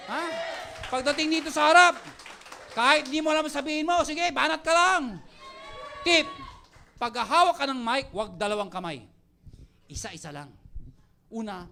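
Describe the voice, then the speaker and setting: A young man giving a lively motivational talk to a live audience, joking and quizzing the crowd as he mixes Tagalog and English. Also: very high-pitched. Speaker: mentor speaking to network marketing team.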